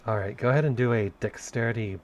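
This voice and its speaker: A man's voice: mid-range voice, fast, slight background noise. A man narrating a tabletop game as game master, hesitant, restarting phrases and counting dice aloud.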